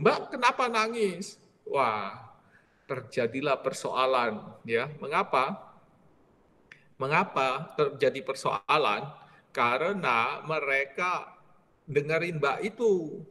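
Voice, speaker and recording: A man in his forties, a priest leading a retreat, telling a personal story in a lively way and tagging his sentences with "ya". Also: a little high, in a large hall.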